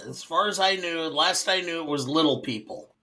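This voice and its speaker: A man's voice: fairly high pitch, moderate pace, sharp tone. A man co-hosting a casual film podcast, telling dry anecdotes. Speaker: podcast co-host.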